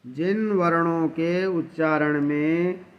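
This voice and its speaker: A man delivers a slow, explanatory lesson on grammar, taking his time over every point. His voice sits a little high for a man. He restates each definition and draws out the example sounds. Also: fairly even intonation, lo-fi sound. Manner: deliberate, repeats definitions and drawn-out example sounds. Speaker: Sanskrit grammar teacher.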